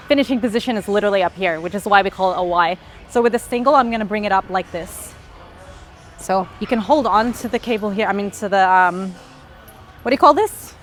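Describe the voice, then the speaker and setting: A woman with a mid-range voice explains exercises while performing them at the gym, her breathing a bit labored and punctuated by effortful sighs and exhales. The recording carries a little hiss or hum, and the tone is that of a fitness vlogger's casual workout instruction.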